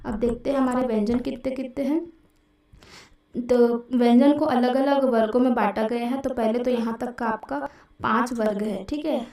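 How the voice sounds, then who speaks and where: A woman teaches a grammar lesson in an explanatory, repetitive way, often checking in with her listeners. Her voice sits a little high and mellow. The room echoes around her. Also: steady tone, moderate pace, recorded from a distance. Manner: explanatory, repeats and checks with "theek hai". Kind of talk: exam-prep grammar lesson.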